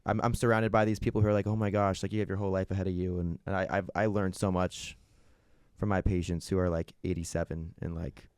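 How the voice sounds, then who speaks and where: A man's voice: sits low, flat delivery, a little mellow, clean tone, no echo, studio quality. A man in his twenties, a touring musician who also works as a nurse, talking earnestly in a casual interview. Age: 20s. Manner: fast, earnest and reflective. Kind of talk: casual chat.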